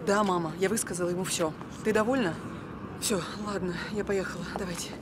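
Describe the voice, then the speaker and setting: Curt hurt middle-aged woman, played by an actress, screen drama, reproachful, fast, noisy outdoors. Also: medium pitch, fairly even intonation, lightly acted. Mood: strained. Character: hurt, strong-willed woman, mother of a teenage girl. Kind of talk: naturalistic screen drama acting. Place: outdoors at a bus station. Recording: clear outdoor traffic noise.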